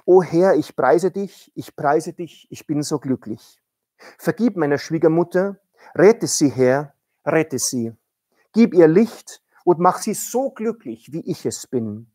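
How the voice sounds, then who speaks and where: Preacher doing a poor young believer woman, soft and fervent, kinda low and quiet, no echo. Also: animated, slow pace, clean studio sound. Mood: prayerful.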